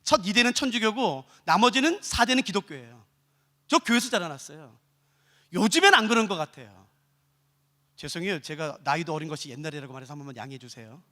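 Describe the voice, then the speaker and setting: Male pastor, young, high and bright, dramatic sermon delivery, long church reverb. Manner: dramatic preaching, acting out voices of crowds and believers. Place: church sanctuary. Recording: echoey church hall.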